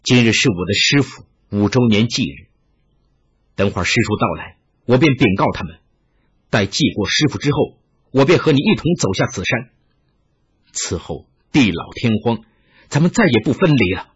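一位男子演绎一位温和而坚定的年轻剑客，嗓音沙哑，语气低沉恳切，录音音质发闷。. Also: male voice, expressive, normal speed, pauses often, husky, lo-fi sound. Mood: earnest. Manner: low, soft, earnest pleading. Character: earnest young male swordsman, gentle and resolute.

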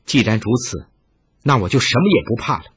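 一位男子演绎一位骄傲刚烈的年轻女侠，嗓音沙哑，语气平实简短，录音音质发闷。. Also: male voice, medium pitch, animated, a little fast, a bit bright, slightly rough, highs cut off, voice pushed down. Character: proud fierce young swordswoman in love.

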